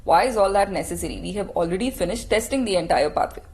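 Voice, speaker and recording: A woman's voice: mid-range voice, lively intonation, fast talker, darkish tone. A woman lecturing on clinical testing, explaining step by step in a patient teaching tone and asking rhetorical questions.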